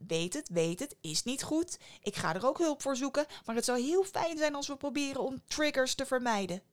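A woman voicing a short-tempered mother who talks fast and tense, always on the edge of exploding. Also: sits high, animated, pitched above the performer's own voice. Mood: agitated. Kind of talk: storybook voice acting.

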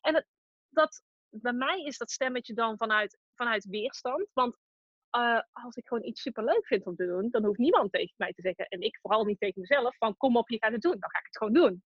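A woman entrepreneur talks reflectively as a guest in an interview, in a fairly high voice. She often restarts her sentences and hunts for the right words. The recording is dry and slightly dull. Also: lively intonation, brisk, no room sound. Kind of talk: casual interview.

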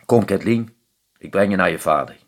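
A man's voice: low voice, expressive, moderate pace, creaky, exaggerated voice. A man voicing a solemn grey seal prince. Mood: grateful. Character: grateful grey seal prince, young male.

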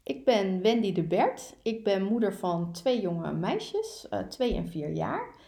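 A woman's voice: medium pitch, big pitch swings, takes it slowly, gravelly, dark tone. A woman in her thirties, a library media coach, recommending a favourite picture book with frequent hesitant fillers. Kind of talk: casual spoken recommendation. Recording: echoey room.

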